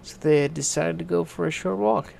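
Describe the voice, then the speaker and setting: A man reading a children's fairy tale aloud in a gentle, deliberate manner. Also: fairly high pitch, gravelly, slight background noise. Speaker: storyteller.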